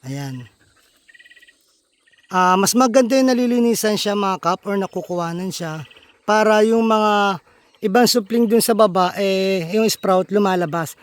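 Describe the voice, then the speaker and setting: High-voiced man vlogging outdoors, dry sound. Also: measured pace, long pauses, dry recording. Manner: friendly, chatty, addresses viewers as buddies. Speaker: vlogger host. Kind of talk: casual outdoor vlog explanation. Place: outdoors in a bamboo grove.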